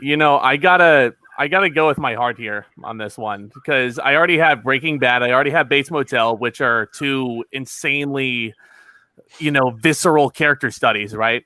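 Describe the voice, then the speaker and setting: A man in casual chat, earnestly weighing his choice out loud. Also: medium pitch, normal speed, no echo. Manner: earnest, deliberating aloud. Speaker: draft participant.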